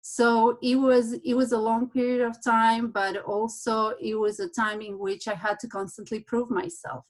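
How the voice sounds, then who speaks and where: A woman from Uruguay, an architect and project manager, giving a personal, anecdotal panel presentation over a video call. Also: medium pitch. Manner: personal and anecdotal, some restarts.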